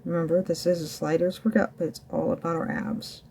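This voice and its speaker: A woman's voice: fairly low pitch, flat delivery, a little fast, creaky, warm tone, a little hiss or hum. A woman working as a fitness instructor, coaching a home ab workout while demonstrating the floor exercises herself. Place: indoors at home.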